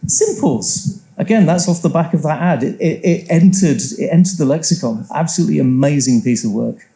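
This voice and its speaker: A man's voice: fairly high pitch, a little fast, gravelly, warm tone, rough recording. A man speaking as a panel expert at a live event, enthusiastic and rambling with restarts. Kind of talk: casual panel talk. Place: event venue with live audience.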